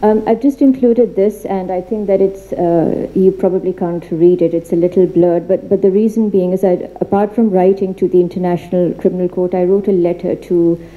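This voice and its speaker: A woman giving an earnest seminar talk in an institute library, halting often with fillers and restarts. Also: on the low side, fairly even intonation, phone-quality sound. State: becoming emotional. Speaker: seminar speaker. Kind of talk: formal seminar talk with slides.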